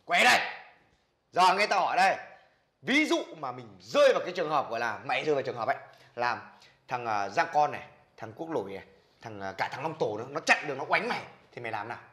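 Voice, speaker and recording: A man playing a bossy young man who loudly coaches a friend in a comedy skit. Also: mid-range voice, fast. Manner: loud, bossy, animated scolding.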